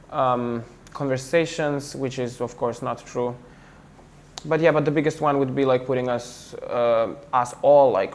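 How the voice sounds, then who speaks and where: A young man with a Serbian accent, speaking English as a second language in a relaxed interview. His voice sits in a middle pitch, and he often stalls on fillers and repeats words before finishing a thought. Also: gravelly, slight background noise. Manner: hesitant, many fillers and restarts. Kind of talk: casual interview talk.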